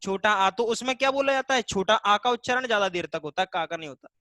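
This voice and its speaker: Bright-voiced male Hindi teacher. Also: sits high, expressive, fast, dry recording. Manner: explains step by step, often asking students questions; stretches vowel sounds to demonstrate them. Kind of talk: live online class lecture.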